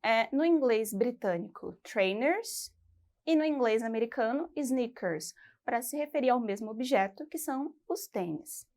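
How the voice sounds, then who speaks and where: A woman's voice: fairly high pitch, animated, normal speed, few pauses, a little mellow. A woman with a Brazilian accent teaching an English class in Portuguese, explaining patiently and checking in with her students often. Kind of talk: educational video lesson.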